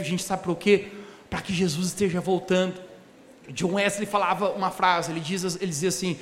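A male pastor, preaching a lively sermon and joking with the congregation in a church hall. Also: sits high. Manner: animated, joking storytelling with the congregation. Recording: echoey hall, live church sound.

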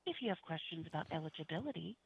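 A woman's recorded phone menu voice heard over a landline phone, reading prompts in an even, measured announcer manner. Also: sits low, gravelly, breathy edge, dry recording. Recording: dull phone line audio.

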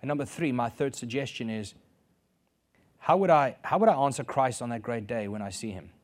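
A pastor whose first language is Afrikaans preaches a sermon in English, earnest and direct, often repeating key phrases twice to drive his point home. He speaks briskly in an ordinary mid-pitched male voice.

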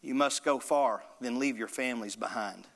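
A man's voice: medium pitch, normal speed, gravelly, a bit bright, long reverb tail. A male pastor delivering an emphatic sermon with call-and-response to the congregation.

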